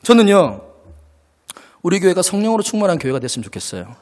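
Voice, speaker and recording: In a church sanctuary with long reverb, a male pastor preaches at a quick pace. His voice is high-pitched, sing-song, and a little mellow, and he acts out short dialogues while laughing together with the congregation.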